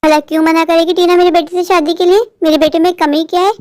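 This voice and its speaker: A fussing, affectionate mother bird, voiced by a woman in a cartoon, doting on her son and fearful of loneliness. Her voice is very high. The recording is dry and close. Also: little pitch movement, quick pace, darkish tone, no room sound. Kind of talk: cartoon voice acting.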